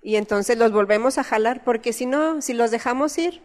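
A woman's voice: a little high, moderate pace, a little mellow. A woman in her thirties with a Mexican accent, giving an earnest, conversational sermon in a church, telling personal stories. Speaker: church speaker. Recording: long reverb of a church hall.

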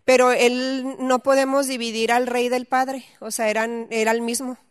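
A woman's voice: a little high, flat delivery, normal speed, clear, resonant tone, dry recording, studio quality. Woman teaching a Bible study. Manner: reads scripture aloud, then explains it conversationally with questions to listeners.

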